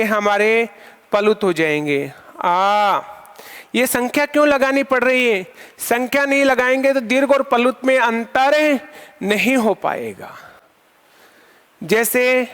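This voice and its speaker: A man's voice: extremely high pitch, fairly bright tone, smooth. A male Sanskrit teacher giving a lecture, asking questions and answering them himself while repeating key terms. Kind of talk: classroom lecture. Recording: long hall reverb.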